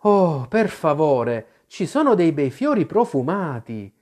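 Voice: mid-range voice, huge pitch swings, unhurried, a little mellow. A reader voicing a polite, curious little girl in a storybook reading. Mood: earnest. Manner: polite and earnest.

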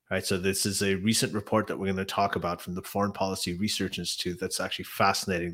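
A man hosting a casual live discussion, explaining in a halting, conversational way while slightly under the weather. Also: low-pitched, fairly bright tone. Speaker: podcast host.

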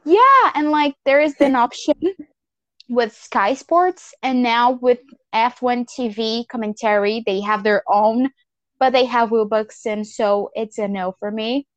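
A woman co-hosting a podcast, chatting in an animated, playful way. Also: a little high, no echo. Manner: animated, playful, quick laughs. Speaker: podcast co-host. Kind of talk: casual chat.

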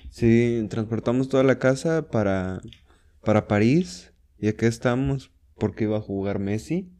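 Young Mexican guy, co-host, mellow tone, rambles and mimics voices in his stories. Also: normal speed. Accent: Mexican Spanish. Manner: rambling storyteller, acts out shrill quotes. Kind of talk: casual chat.

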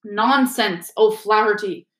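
A woman's voice: mid-range voice, slow pace, a bit bright, reverberant. A woman voicing an old ghostly male history teacher with a dry, reedy voice who lectures and dismisses questions impatiently. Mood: irritated.

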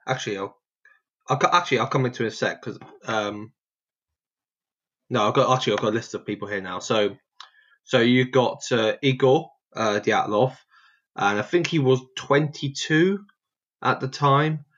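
A man's voice: medium pitch, normal speed, pauses often, fairly bright tone, highs cut off. A man co-hosting a podcast in casual chat, rambling and hesitant with many fillers. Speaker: podcast co-host. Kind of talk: casual conversation.

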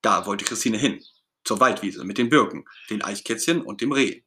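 A man reading a children's story aloud as narrator, in an expressive, gentle storytelling manner. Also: fairly low pitch, normal speed.

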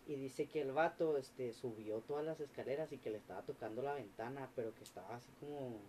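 A man, a podcast guest telling a story in animated, slangy, swearing casual chat. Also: medium pitch, a little fast, a little hiss or hum.

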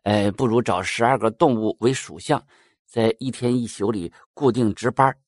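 A hesitant old adviser god from a folk tale, hemming and pausing as he counsels, as a man puts him on. The voice sits low and soft. It is close and dry. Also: dry recording, lightly acted. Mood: respectful advising. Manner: hesitant, with "uh" fillers. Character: hesitant old male court adviser deity.

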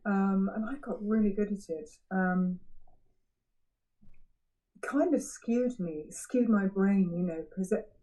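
A woman giving a frank, self-examining personal share at a recovery meeting, halting and often restarting her sentences. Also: medium pitch, warm tone, rough recording. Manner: halting, searching for words with frequent restarts. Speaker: member sharing at a recovery meeting. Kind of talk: personal share, candid reflection.

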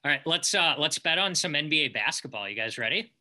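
Bright-voiced man hosting with short questions. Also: fairly high pitch, lively intonation, quick pace. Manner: brief, teasing questions. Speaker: podcast host. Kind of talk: casual chat.

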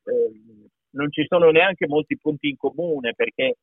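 A man's voice: high-pitched, unhurried, creaky, breathy edge, no room sound. A middle-aged man with a Piedmontese accent, a voice actor speaking emphatically in an interview. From Piedmont, Italy. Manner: emphatic, repeats words, animated. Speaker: voice actor guest. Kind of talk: conversational interview. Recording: tinny phone-like call line.

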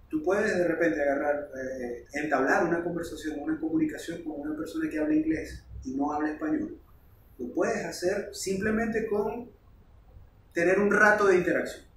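A man, a language teacher explaining things in a casual, animated podcast chat. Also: high-pitched, a little hiss or hum. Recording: roomy, distant mic.

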